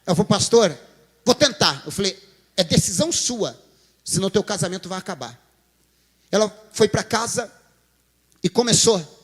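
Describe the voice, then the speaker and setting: A man's voice: sits high, lively intonation, normal speed, pauses often, a bit bright, breathy edge, long reverb tail. A man, a pastor, preaching a sermon, telling a counseling story and acting out its dialogue before rising to emphatic appeals.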